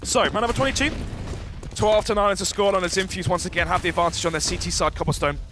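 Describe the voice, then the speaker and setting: A man giving live esports caster commentary, running through each round in a brisk, clipped analytical way. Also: high voice, fairly even intonation, a bit bright. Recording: faint game noise behind voice.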